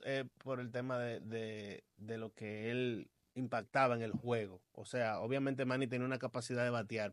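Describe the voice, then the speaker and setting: A man's voice: medium pitch, dry recording, clean studio sound. Opinionated sports podcast co-host, man. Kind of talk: casual sports chat.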